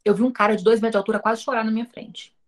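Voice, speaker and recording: A woman with a Brazilian accent gives a casual recorded lesson in a rather high voice. She puts rhetorical questions to her viewers and acts out the lines of people in her own stories. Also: rapid-fire. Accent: Brazilian Portuguese. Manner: lively, talks straight to the viewers with rhetorical questions. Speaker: teacher of an online course.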